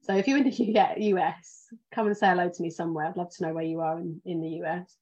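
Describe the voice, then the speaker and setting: A woman's voice: fairly low pitch, fairly even intonation, quick pace, a little mellow. Chatty British woman, slightly muffled. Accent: British, southern English. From England. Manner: chatty, rambling with many ums and restarts. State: sleepy. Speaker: podcast host, financial planner. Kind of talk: casual livestream chat.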